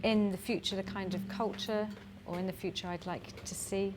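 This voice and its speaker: A woman's voice: medium pitch, fairly even intonation, moderate pace, background noise. A woman leading a workshop, giving chatty, encouraging instructions for a group exercise and laughing between them. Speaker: workshop facilitator.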